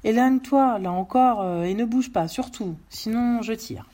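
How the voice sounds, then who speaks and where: A woman voicing a gruff armed man giving orders. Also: a little high, lively intonation, brisk, darkish tone, pitched above the performer's own voice. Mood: menacing. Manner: curt, threatening orders. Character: armed menacing man, weary and threatening.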